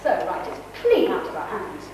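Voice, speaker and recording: A woman playing a fussy, excitable mother who prattles on in an amateur stage play. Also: normal speed, slight background noise, lightly acted. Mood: prattling. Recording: far-off mic in echoey hall.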